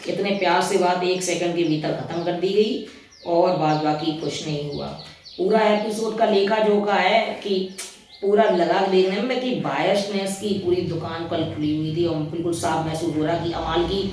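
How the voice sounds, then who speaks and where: A man's voice: sits high, steady tone, normal speed, darkish tone, far from the mic, slight background noise. Rambling man in a very echoey room. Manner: rambling, retells scenes in his own words, often resets with "anyway". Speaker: reality show commentator. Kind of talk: casual spoken review of a TV episode.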